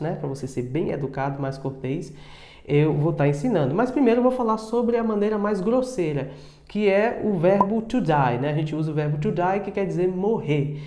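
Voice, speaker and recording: Casual guy teaching english, says words slow and keeps going tá? né?, kinda echoey room. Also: a little high, dark tone. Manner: chatty, repeats words slowly with many tags like tá and né. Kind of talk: casual video lesson.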